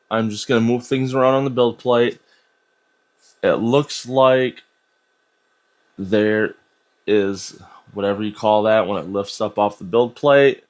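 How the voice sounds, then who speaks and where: Slow-talking man, casual rambling vlogger. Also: medium pitch. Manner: rambling, hesitant, lots of ums. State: hyped on an energy drink. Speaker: 3D printing vlogger. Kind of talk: casual vlog talk.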